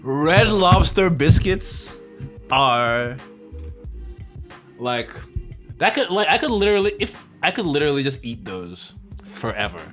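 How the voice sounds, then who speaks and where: A young man co-hosting a podcast, telling animated stories in a loose, casual chat full of "like" and "literally". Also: a little high, measured pace, long pauses, soft background music. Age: young adult. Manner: animated storytelling, frequent "like" and "literally". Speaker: podcast co-host.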